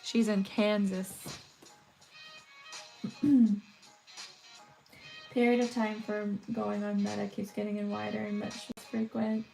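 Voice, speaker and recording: Woman, 30s, livestream host; relaxed slow chatter, weak scratchy voice, faint music in the background. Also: mid-range voice, gravelly. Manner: chatty, rambling, laughs often. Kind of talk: casual chat while beading.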